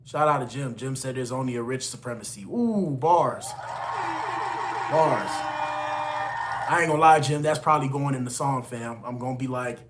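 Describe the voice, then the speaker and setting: A man in his late twenties hosts a casual live stream, reading chat names aloud and answering viewers in loose, laid-back slang. His mid-range voice moves at a normal speed over heavy background noise.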